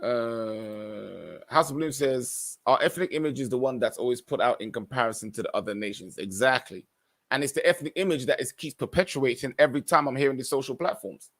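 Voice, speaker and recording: A man with a mid-pitched voice hosts a live podcast. He reads out comments from viewers and responds with his own commentary. His manner is earnest and opinionated, with some stumbling restarts as he reads. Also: brisk. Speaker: podcast host.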